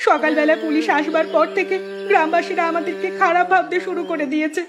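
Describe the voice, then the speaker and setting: A woman's voice: extremely high pitch, fairly even intonation, fast. A woman voicing the distraught young wife of the accused man, who speaks in a tearful, pleading way. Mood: distressed.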